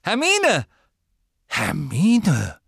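A man voicing a quick, earnest teenage schoolgirl witch who talks in a brisk, matter-of-fact way. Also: mid-range voice, expressive, fairly bright tone, no room sound, studio quality, natural voice. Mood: relieved.

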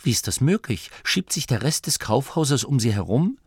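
A man's voice: mid-range voice, very animated, moderate pace, darkish tone, slightly rough, no echo, clean studio sound, voice pushed up. A man voicing a wary young male gnome hunter in an audiobook, calling out urgently. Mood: puzzled.

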